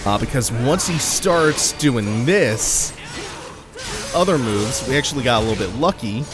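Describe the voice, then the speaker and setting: A man's voice: medium pitch, expressive, a little slow, music in the background. A man giving casual, laid-back gameplay commentary, explaining things as he plays. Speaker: let's play commentator.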